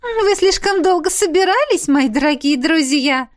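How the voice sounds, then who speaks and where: A woman voicing a sly, flirtatious fairy princess who purrs and teases in a high, bright voice. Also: expressive, moderate pace. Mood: coy teasing. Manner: purring, coy.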